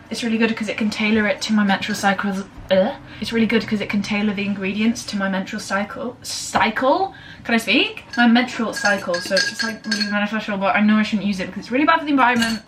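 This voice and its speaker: A young woman chatting casually in a vlog, rambling and bubbly, fast and breathless after a workout, filmed in her kitchen. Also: medium pitch. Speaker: lifestyle vlogger. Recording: slightly distant camera audio with faint room noise.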